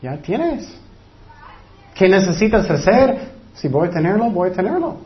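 A man's voice: expressive, fairly quick, lo-fi sound. A middle-aged man preaching a sermon, earnest, often acting out fretful people. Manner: earnest, acts out worried people in high anxious voices.

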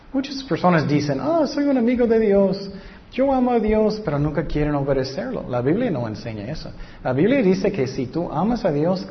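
A male preacher giving a sermon, reading Scripture slowly and then asking his listeners questions that he answers himself. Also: on the high side. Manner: reads Scripture slowly and deliberately. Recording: dull lo-fi recording.

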